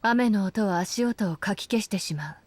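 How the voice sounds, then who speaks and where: A woman voicing a stern, commanding female general in a game, giving curt orders in a lowered voice. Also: moderate pace, darkish tone, natural voice. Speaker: game character, Japanese dub.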